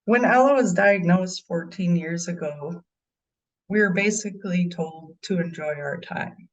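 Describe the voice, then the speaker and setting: A woman's voice: on the low side, measured pace, recorded from a distance, poor audio. A middle-aged mother answering interview questions in an earnest way, with frequent ums. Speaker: bereaved mother and guest.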